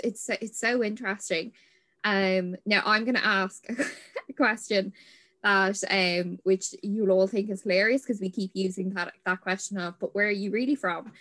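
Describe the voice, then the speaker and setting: A woman hosting a panel chat, agreeing quickly with the guests and leading the questions. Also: mid-range voice, a bit bright. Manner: quick, affirming, leads the questions. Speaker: host. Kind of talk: conversational panel discussion.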